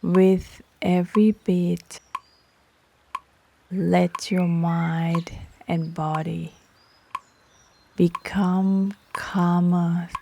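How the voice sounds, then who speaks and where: A woman leading a guided meditation in short, sparse phrases with long pauses, her voice soft, breathy and partly whispery. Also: on the low side, level tone, a little hiss or hum. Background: metronome clicks.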